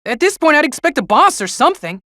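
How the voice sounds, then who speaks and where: An eager boy angel from a video game. The voice is very high and lively, earnest and a little naive. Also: quick pace, exaggerated voice. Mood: puzzled, earnest. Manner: earnest, boyish, excitable.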